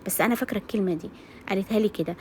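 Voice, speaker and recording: A woman's voice: medium pitch, racing, a little mellow, slight background noise. A woman with an Egyptian Arabic accent, chatting while she cooks in her home kitchen. She talks outspokenly and straight to her female viewers. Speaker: cooking vlogger. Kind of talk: casual chat while cooking.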